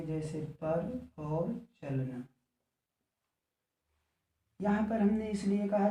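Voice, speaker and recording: A male teacher giving a grammar lesson, speaking slowly and deliberately and repeating each phrase for dictation. His voice is deep-toned and very mellow. He is recorded a little off-mic in an echoey room. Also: recorded from a distance. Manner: slow and deliberate, repeating phrases for students to write down.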